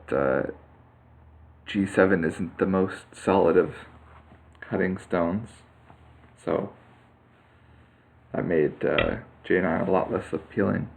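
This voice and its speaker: A man's voice: low-pitched, slow, gravelly, pauses often, slight background noise. A man casually commenting live on his own Go game, thinking aloud with many fillers and restarts. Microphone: computer mic on a screen capture.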